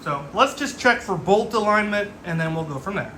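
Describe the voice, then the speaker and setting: A man's voice: sits high, normal speed, a little hiss or hum. A man talking casually through his car restoration work in a home garage, with many ums and uhs. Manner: relaxed, lots of ums and uhs. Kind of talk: casual workshop commentary.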